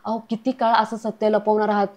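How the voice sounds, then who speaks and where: A calm, firm young woman from a television serial who comforts and then presses for the truth, voiced by a woman narrator. The voice is mellow and even. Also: medium pitch, a little fast, natural voice. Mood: insistent.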